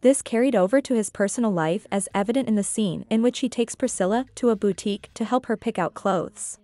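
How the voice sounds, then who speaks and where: Into a close mic with no room sound, a female reviewer-author reads her scripted narration fairly quickly. Her medium-pitched voice sounds earnest and opinionated, with an even read-out manner.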